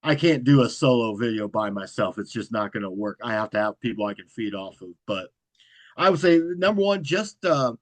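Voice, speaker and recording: Appearing as a guest on a podcast, a man who makes horror content chats casually in an interview, keeping an easygoing, even delivery he describes as monotone. His middling-pitched voice moves briskly, and the recording is close and dry with no echo or room sound.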